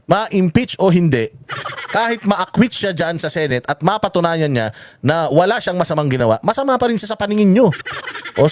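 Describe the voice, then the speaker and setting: A high-voiced man rants about politics, cursing and tripping over his words as he builds up steam. Faint noise and the odd fowl call sit behind him. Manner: heated, cursing, many restarts and fillers. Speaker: political vlogger. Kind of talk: angry political commentary.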